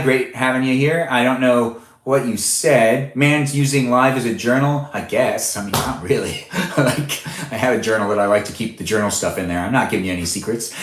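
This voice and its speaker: Young male streamer in his twenties, casual and chatty, mid pitch, echoey room sound. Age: 20s. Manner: chatty, reads viewer names aloud, laughs often. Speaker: livestream host. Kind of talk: casual live-stream chat reading comments.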